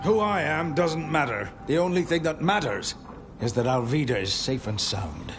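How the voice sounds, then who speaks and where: An actor playing a mysterious hooded stranger in a video game, a dutiful guard who speaks in a guarded, formal, courteous way. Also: male voice, a little high, lively intonation, normal speed, music in the background. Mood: guarded, firm. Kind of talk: video game dialogue acting. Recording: clear background noise and ambience.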